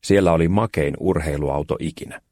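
Deep-voiced man reading a children's story. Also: darkish tone, dry recording, studio quality. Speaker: narrator.

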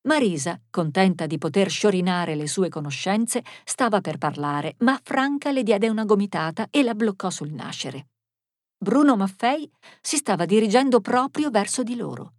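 Woman narrator, measured, expressive, dry close-miked sound, mid pitch. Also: no room sound. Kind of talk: storytelling reading.

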